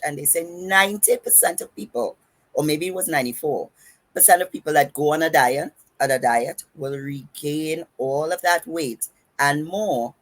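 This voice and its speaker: This podcast host and fitness coach is a woman with a low voice and a Trinidadian accent. She hands out fitness and diet advice emphatically and instructively, her words running together.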